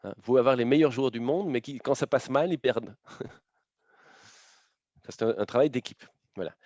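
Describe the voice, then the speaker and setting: A man's voice: mid-range voice, normal speed, a little mellow, dry recording. A man giving a lecture to a live audience, explaining points one by one and often tagging his sentences with short checking questions. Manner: explanatory, punctuated by frequent tag questions. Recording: dull, slightly muffled lo-fi sound.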